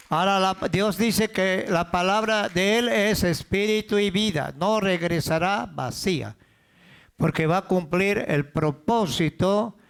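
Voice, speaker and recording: Man preaching, a touch high-pitched. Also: gravelly. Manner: preaching, calls out questions to the congregation; repeats words while building up. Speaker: pastor. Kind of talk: sermon.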